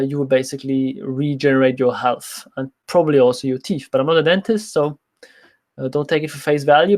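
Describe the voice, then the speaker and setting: Higher-pitched and a little mellow, this young nutrition coach hosts a casual livestream, reading out viewer questions and then answering them informally. English isn't his first language, and he speaks French as a second language.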